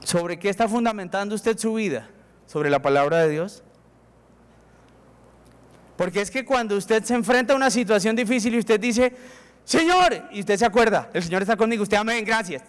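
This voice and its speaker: Colombian pastor guy preaching, high clear voice, big hall echo. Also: moderate pace, long pauses. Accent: Colombian Spanish. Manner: emphatic preaching, acts out prayers to God. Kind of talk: sermon. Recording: reverberant hall.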